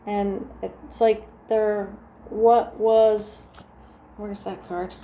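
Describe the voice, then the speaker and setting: A woman with a New Jersey accent talks through a tarot reading in a mellow, dark-toned voice. She meanders with frequent restarts and fillers. The room is echoey, with a faint ambient hum behind her. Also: medium pitch, flat delivery, very slow. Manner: soft, meandering, full of restarts and "like". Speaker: tarot reader. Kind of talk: casual tarot reading to camera.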